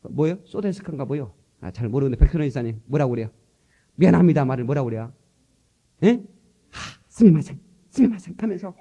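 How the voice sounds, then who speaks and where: A middle-aged man preaching to his congregation, his voice deeply dark and mellow at an ordinary middle pitch. He tells stories with energy, slipping into the voices of the people he quotes and filling pauses with short affirmations. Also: dull audio. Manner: lively storytelling preaching, acting out quoted voices, frequent "예" and "어". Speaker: pastor. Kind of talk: sermon.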